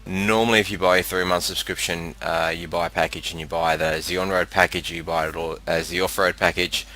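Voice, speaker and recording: An Australian man giving a casual, rambling game commentary with halting speech, recorded on a cheap, slightly crackly headset microphone. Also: low voice, fairly even intonation, bright, forceful tone. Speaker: video game presenter. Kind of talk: casual screen-capture commentary. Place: room with a fan running.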